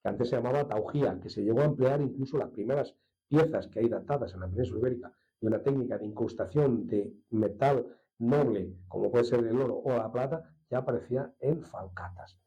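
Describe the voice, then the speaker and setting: Mellow-voiced Spanish swordsmith from La Mancha. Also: male voice, medium pitch, dull audio. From La Mancha, Spain. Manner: unhurried, explanatory, with hesitations and restarts. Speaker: master swordsmith guest. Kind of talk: conversational interview.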